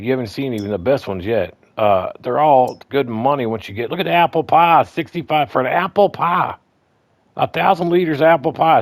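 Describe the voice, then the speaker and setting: A gaming guide host gives a casual walkthrough of his game farm, rambling and repeating himself with plenty of ums and restarts. His medium-pitched voice is slightly hoarse, and he clears his throat now and then. There's no echo.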